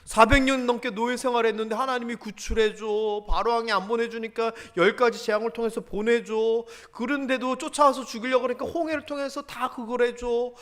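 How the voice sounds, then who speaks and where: A man preaching a Sunday sermon in a church, telling stories and asking rhetorical questions. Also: extremely high pitch. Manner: animated storytelling with rhetorical questions. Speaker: pastor. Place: church sanctuary.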